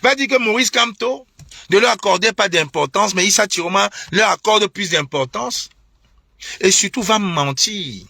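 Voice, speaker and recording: A man's voice: high-pitched, animated, moderate pace, vocal fry, bright, forceful tone, no echo. A young man from Cameroon, ranting on a live stream with indignant, repetitive, mocking talk and scornful laughs. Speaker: online political commentator. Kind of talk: heated live-stream rant.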